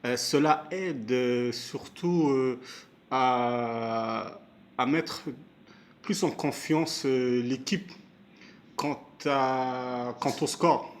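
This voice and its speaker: A man's voice: mid-range voice, very slow. A man giving his spoken opinion on a football match, hesitant, with many fillers and restarts. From Canada, Montreal area. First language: Moroccan heritage; first language not stated. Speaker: amateur football commentator. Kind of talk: casual spoken match analysis.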